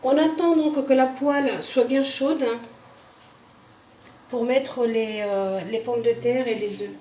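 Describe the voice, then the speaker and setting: A woman's voice: a little high, fairly even intonation, slow pace, dark tone. Chatty woman cooking at a distance. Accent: Spanish. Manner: chatty, repeats "hein" and "voilà", restarts words. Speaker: home cooking video host. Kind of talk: casual cooking demonstration. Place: home kitchen with a sizzling pan. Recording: roomy distant kitchen sound, faint noise.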